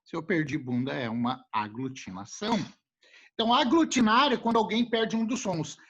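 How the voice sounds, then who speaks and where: A male teacher gives a casual classroom lesson, joking and animated as he addresses his students as a group. His slightly husky voice leaps around in pitch at a moderate pace, and the recording sounds muffled and lo-fi.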